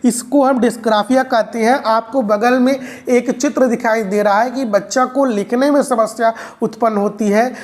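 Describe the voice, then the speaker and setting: A woman's voice: on the high side, fairly even intonation, normal speed, hardly any pauses, a little mellow. A woman giving an explanatory video lecture for exam preparation, repeating key points and calling her viewers friends. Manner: repetitive, drilling explanations with frequent "friends" address. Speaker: exam-prep teacher.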